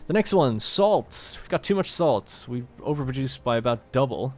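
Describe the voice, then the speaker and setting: A man's voice: mid-range voice, animated, moderate pace, darkish tone. A man hosting a let's play, talking casually and thinking aloud as he plays a strategy game. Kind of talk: gameplay commentary.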